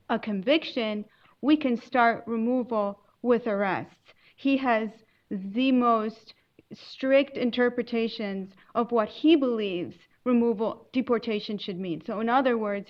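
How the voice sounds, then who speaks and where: A woman from Lebanon speaking on a legal panel, earnest and emphatic, pausing and correcting herself as she explains. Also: on the high side, highs cut off. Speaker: immigration attorney on a panel. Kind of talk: panel talk to an audience.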